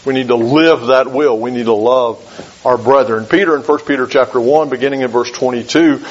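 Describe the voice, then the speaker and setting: A man preaching a sermon in a measured, emphatic way, repeating key phrases for weight. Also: mid-range voice. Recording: dull lo-fi recording.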